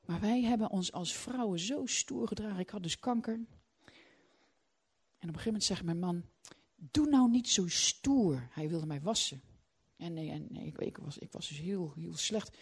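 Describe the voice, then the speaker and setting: A middle-aged woman preaching a sermon, emphatic, swinging between loud outbursts and hushed, halting stretches. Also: on the low side, creaky, breathy edge.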